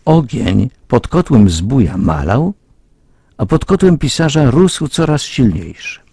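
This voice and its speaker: A man reads a moral fable aloud in an earnest, measured way. His voice is dark and husky, and it has a rough edge. The recording is close and dry. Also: mid-range voice, sing-song, no echo. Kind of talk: slow, earnest moral storytelling.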